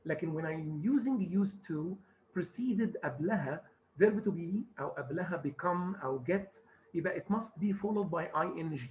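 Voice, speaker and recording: Egyptian male English teacher, higher voice, lo-fi recording with faint hiss, walks students through rules step by step. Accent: Egyptian Arabic. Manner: explains step by step, stresses words carefully. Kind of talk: grammar lesson in Arabic mixing English.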